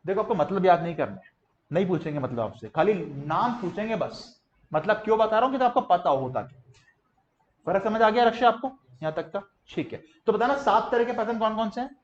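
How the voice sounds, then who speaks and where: A young man teaches a class with high-pitched energy, drilling students with call-and-response and gestures. He keeps the mood playful while teaching the material. The recording sounds slightly dull and muffled. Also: lively intonation, fairly quick. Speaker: commerce teacher. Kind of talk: classroom lecture.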